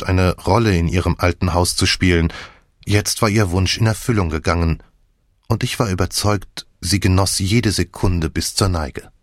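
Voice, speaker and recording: Brief: male audiobook narrator, measured first-person crime reading, low voice, dry sound. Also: no room sound.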